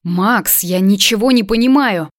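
A woman's voice: mid-range voice, moderate pace, dry recording, studio quality, natural voice. A woman reader voicing a flustered young mother who answers tensely and defensively in an audiobook. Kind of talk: audiobook character voice.

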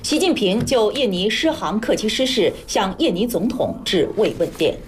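Female, formal news anchor, standard mainland Mandarin, lively intonation, faint background noise. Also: medium pitch. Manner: formal, measured delivery.

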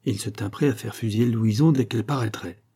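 Low, husky male storyteller. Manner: measured, even storytelling. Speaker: audiobook reader. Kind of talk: scripted narration.

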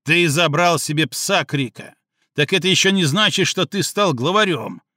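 A man voicing an angry, scheming male gang rival who shouts his accusations. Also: high voice, expressive, moderate pace, no echo, clean studio sound, pitched above the performer's own voice. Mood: shouting. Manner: loud, shouting.

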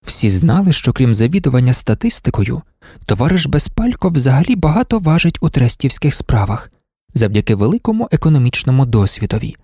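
A man reading literary prose aloud as an audiobook narrator, in an expressive reading. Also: medium pitch, a little fast, no room sound, studio quality. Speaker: audiobook reader.

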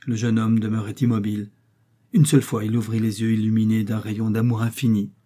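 Give me a man narrating a historical romance in a measured, expressive way. The voice is warm and dark, with a soft husk. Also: fairly low pitch. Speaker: audiobook reader. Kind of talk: dramatic novel reading.

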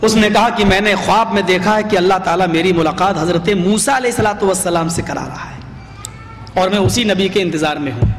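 A man preaching a sermon, telling a story with dramatic rises in his voice for quoted speech, before a seated gathering. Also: sits high.

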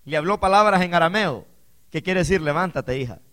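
A man preaching a sermon as pastor, swinging between quiet storytelling and loud, emphatic swells, often calling out to his listeners as brother. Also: high voice, animated, a little fast. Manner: addresses listeners as "hermano".

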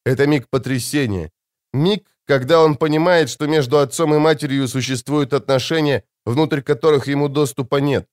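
A man's voice: medium pitch, moderate pace, a little mellow, natural voice. A man reading the part of a stern, weary young noble heir who talks in an impatient grumble. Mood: brooding.

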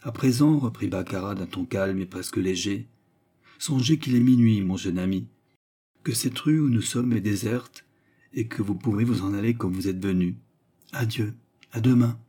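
A man reading aloud and voicing a proud, mysterious young woman who speaks gravely and solemnly. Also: lowish voice, moderate pace, mellow. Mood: calm. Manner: grave and solemn, at times light.

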